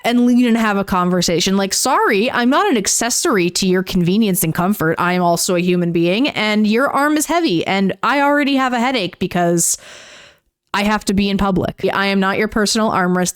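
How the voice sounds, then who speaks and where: A woman's voice: medium pitch, lively intonation, fairly quick, clean tone. A young woman, giving a casual vlog commentary in a ranting, sarcastic way and swearing freely. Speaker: YouTuber.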